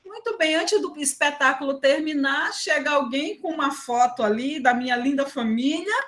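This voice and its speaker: A woman with a Brazilian Portuguese accent giving a university talk, mixing academic points with lively personal anecdotes and tagging her sentences with "né". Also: high voice, normal speed. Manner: frequent "né" tags, lively storytelling. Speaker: university lecturer.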